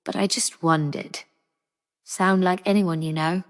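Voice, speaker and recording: A woman's voice: on the low side, steady tone, measured pace, big-room sound, natural voice. A woman voicing a big, blunt, cheerful young male soldier, eager in his speech. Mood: curious.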